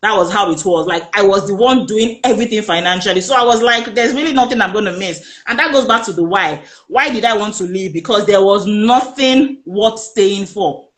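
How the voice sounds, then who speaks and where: A woman with a Nigerian accent, a guest telling her personal story in an interview, animated and emphatic, acting out the voices of the people she quotes. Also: medium pitch, a little fast, hardly any pauses, echoey room. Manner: animated, emphatic retelling that acts out quoted speech.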